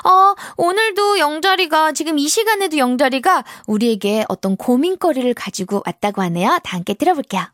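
A woman's voice: high voice, lively intonation, fairly quick, hardly any pauses, a bit bright. A woman teaching English to children in a cheerful, encouraging, sing-song way. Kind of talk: online English lesson for children.

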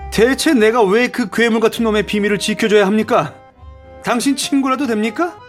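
A man voicing an agitated, impatient young nobleman in an audiobook drama, speaking urgently and excitedly. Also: fairly high pitch, normal speed, faint music behind, voice pushed up, close to an everyday voice.

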